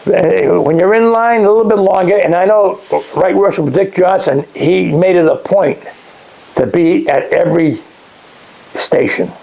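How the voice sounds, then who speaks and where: An older man, recalling lodge days in a casual interview, halting and restarting often. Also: high voice, gravelly, a little mellow, slight background noise, low-quality recording. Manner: halting, many restarts, chuckles at his own remarks. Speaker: interviewee, past lodge master. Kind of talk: casual oral-history interview.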